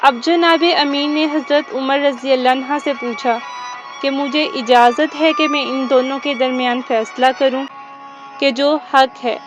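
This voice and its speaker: A woman with a high voice reads a religious tale as scripted narration. Her delivery is formal and reverent, and soft music plays faintly behind her. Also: fairly even intonation, dull audio.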